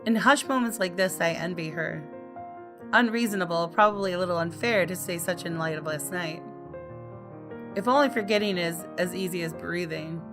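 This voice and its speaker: Reading visual novel narration in an expressive storytelling style, this gaming video host has a voice on the low side.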